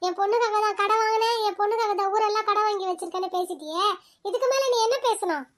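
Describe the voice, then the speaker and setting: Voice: extremely high pitch, quick pace, fairly bright tone. ஒரு குரல் நடிகர் கடுமையாகத் திட்டும் வயதான தாயாக, கேலியுடன் பேசுகிறார். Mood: sarcastic. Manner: scolding, sarcastic. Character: scolding older mother, sharp-tongued.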